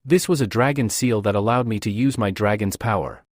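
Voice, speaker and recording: A man's voice: on the low side, brisk, no echo, clean studio sound, lightly acted. A man voicing a young male martial hero who makes determined, boastful declarations. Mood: bewildered.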